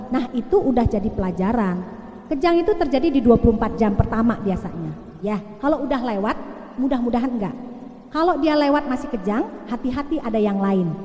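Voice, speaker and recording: High-voiced woman doctor lecturing in a hall. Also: mellow. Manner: chatty, reassuring, frequent "ya" tags. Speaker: pediatrician giving a parenting talk. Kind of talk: casual lecture with audience Q&A. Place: large hall. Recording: echoey hall, long reverb.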